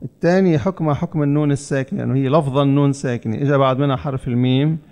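Gravelly Levantine man teaching recitation. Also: mid-range voice, steady tone, a little mellow. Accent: Levantine Arabic. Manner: slows down to model pronunciation. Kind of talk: patient correction lesson.

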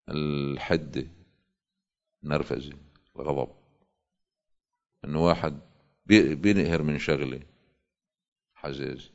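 A man's voice: low voice, creaky, lo-fi sound. A male cleric with a Levantine Arabic accent, giving a religious lesson that explains points and poses rhetorical questions.

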